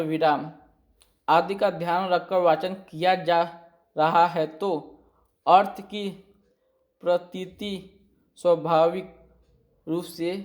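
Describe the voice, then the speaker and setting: A man teaching an exam-prep lesson. He reads out each point and then explains it again more simply, often pausing to check with his students. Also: sits high, a little mellow. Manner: slow and deliberate, often checking with "ठीक है".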